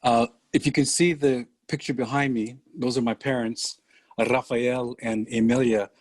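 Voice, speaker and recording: An older man from San Francisco, a podcast guest telling his story slowly and deliberately over a video call. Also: mid-range voice, steady tone, no room sound. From San Francisco, USA. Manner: slow, deliberate storytelling with pauses. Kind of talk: conversational interview.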